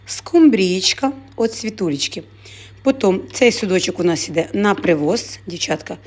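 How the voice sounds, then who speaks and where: A woman's voice: lowish voice, normal speed, a little mellow. A woman who sells fish, chatting in a casual cooking vlog from her home kitchen. She talks to her viewers affectionately and fills her speech with diminutives. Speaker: fish vendor and vlogger.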